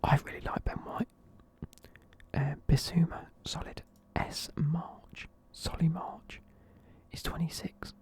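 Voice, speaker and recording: In a casual video, a young male creator whispers sleepily the whole time while reviewing football teams and swearing offhandedly. His voice is fairly high, flat and slow, with a darkish tone and a breathy edge.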